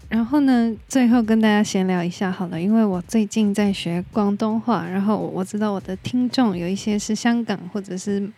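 A Taiwanese-accented woman chats on her own podcast in a relaxed, unscripted way. Her voice is mellow and warm, sitting at a middle pitch. She speaks her mind frankly and slips English words into her talk. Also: a little fast, few pauses, slight background noise. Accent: Taiwanese Mandarin. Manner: candid and opinionated, drops in English words. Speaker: podcast host. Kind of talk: casual solo podcast chat.

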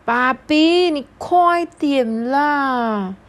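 Woman doing a whiny cheeky little boy. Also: drawn-out words. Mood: whining. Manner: high whiny pleading.

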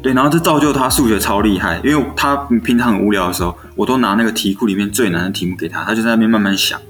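Fast-talking young Taiwanese man, lowish voice. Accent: Taiwanese Mandarin. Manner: animated storyteller who acts out quoted dialogue. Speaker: elementary school teacher. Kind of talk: casual storytelling chat. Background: faint background music.

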